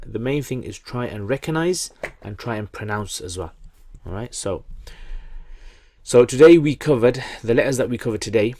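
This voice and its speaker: A man teaching pronunciation in a call-and-repeat lesson, encouraging and deliberate as he repeats sounds for learners. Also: mid-range voice, darkish tone, no echo, clean studio sound. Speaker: Quran reading teacher.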